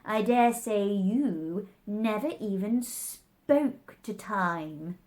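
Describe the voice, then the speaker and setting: A woman voicing a haughty, eccentric man in a children's storybook, theatrical and aggrieved, with drawn-out words. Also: mid-range voice, animated, a little mellow. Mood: contemptuous. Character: haughty, mad male Hatter, aggrieved and eccentric.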